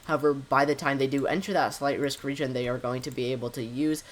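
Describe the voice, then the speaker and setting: Guy doing a homemade weather forecast, lots of uh's, stops and restarts, steady mid voice. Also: mid-range voice, fast. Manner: hesitant, frequent "uh" fillers and self-corrections. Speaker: amateur weather forecaster, channel host. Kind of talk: weather forecast over model maps.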